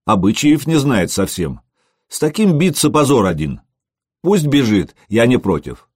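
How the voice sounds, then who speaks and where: A man's voice: medium pitch, very animated, unhurried, slightly rough, no echo, studio quality. A man voicing a cocky young warrior who taunts and jeers. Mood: mocking. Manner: taunting, jeering.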